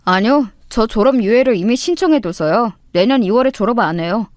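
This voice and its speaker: A woman's voice: a little high, a little fast, dry recording, studio quality, close to an everyday voice. A woman voicing an aloof, curt young man. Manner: flat, dismissive replies.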